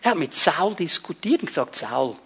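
A middle-aged pastor delivers a sermon in a notably high, ringing voice. He presses his points with emphasis and keeps turning to the congregation with rhetorical questions. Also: animated, normal speed, a bit bright.

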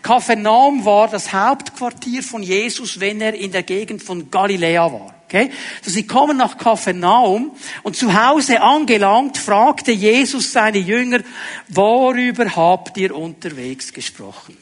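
A man preaching a sermon, asking his listeners direct questions and dropping to a hushed voice for emphasis. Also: sits high, unhurried, in a large hall. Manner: dramatic, drops to a hushed voice for emphasis.

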